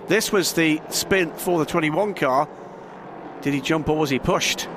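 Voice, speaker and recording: Man, motorsport commentator, slightly high voice, live race analysis, distinct vehicle noise behind. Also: measured pace. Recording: clear trackside engine and vehicle noise. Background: car engines and outdoor track ambience.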